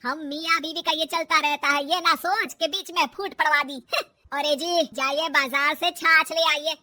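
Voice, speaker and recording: A woman voicing a bossy, nagging older mother-in-law who shouts orders in a storybook tale. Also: sits high, steady tone, a little slow, no room sound, exaggerated voice. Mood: scolding. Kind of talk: storybook character voice.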